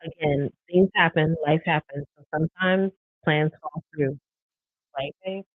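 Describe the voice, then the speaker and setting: A woman's voice: low-pitched, unhurried, no room sound. Brief: woman podcast co-host, easygoing and reflective, leaning on fillers, dry phone-like sound. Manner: reflective, many "you know" fillers. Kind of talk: casual live podcast chat.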